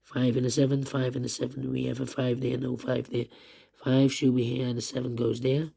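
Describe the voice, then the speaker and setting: A man who has partly lost his voice, walking through a puzzle step by step in halting, repetitive short phrases. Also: medium pitch, little pitch movement, vocal fry, dark tone, breathy edge. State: lost voice, strained and troubled. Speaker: puzzle tutorial host. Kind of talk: step-by-step puzzle walkthrough, thinking aloud.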